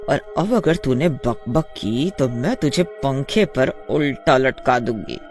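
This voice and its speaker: A man's voice: medium pitch, lively intonation, slow pace, soft background music. A man doing a bossy, cruel witch bride. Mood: scolding, menacing. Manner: loud, scolding, threatening. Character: furious witch daughter-in-law, bossy and cruel.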